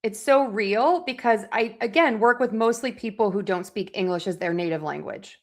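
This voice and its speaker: A woman's voice: mid-range voice, moderate pace. Enthusiastic woman host, voice coach. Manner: enthusiastic, encouraging, often says she loves it. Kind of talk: casual interview chat.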